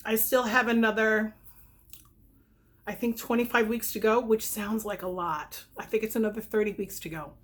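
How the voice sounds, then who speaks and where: A woman's voice: fairly high pitch, fairly even intonation, moderate pace. A middle-aged woman chatting casually about products, rambling and candid, with whistling, slightly spitty s sounds. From lives in New York, United States. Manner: rambling, self-correcting, candid. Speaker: vlogger and direct-sales consultant reviewing products.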